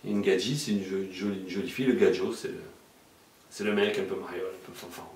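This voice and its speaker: Low-voiced man in an echoey room. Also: fairly even intonation, quick pace, a little mellow, a little hiss or hum. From Marseille, France. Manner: hesitant, many fillers and restarts. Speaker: journalist guest. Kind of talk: casual explanatory interview talk. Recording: echoey room, mic far off.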